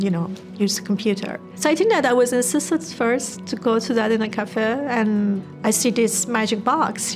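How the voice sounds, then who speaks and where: Woman, Afghan accent, middle-aged, halting non-native English, interview, music behind. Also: fairly high pitch. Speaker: tech entrepreneur interviewee. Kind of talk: documentary interview.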